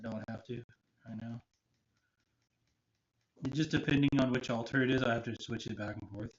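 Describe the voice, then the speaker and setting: A man streaming a video game, chatting casually and rambling with lots of fillers and restarts. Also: medium pitch. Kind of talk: casual gaming chat. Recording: muffled with faint noise.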